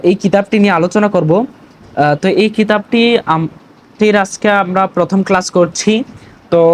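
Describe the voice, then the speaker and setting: A man's voice: high voice, rough recording. A man giving a recorded language lesson, patiently going through letters one by one, stressing pronunciation and asking viewers to repeat after him. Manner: patient, deliberate letter-by-letter teaching with frequent "to" fillers. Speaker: Urdu teacher.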